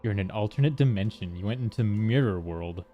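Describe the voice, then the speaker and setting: A man's voice: lowish voice, animated, fairly quick, dull audio. A man giving casual gameplay commentary, rambling with joking asides. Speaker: game streamer. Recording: faint game music behind.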